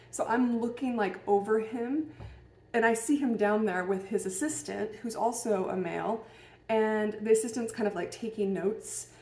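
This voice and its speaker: A woman's voice: on the high side, a little mellow. A woman telling a personal story in a casual, musing way, hesitant and full of fillers and restarts. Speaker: vlogger. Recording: roomy echo.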